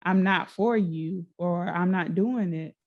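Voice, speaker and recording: A woman's voice: lowish voice, takes it slowly, narrow, tinny audio. A woman co-hosting a casual podcast, telling stories and acting out what people said. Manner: animated storyteller acting out quotes. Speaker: podcast co-host.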